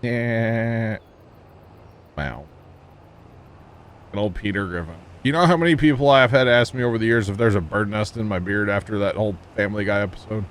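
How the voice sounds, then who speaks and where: This is casual livestream chatter from a man playing a game, full of rambling jokes and frequent laughter aimed at his viewers. His voice is lowish, moving at a moderate pace with long pauses. A bit of background noise can be heard.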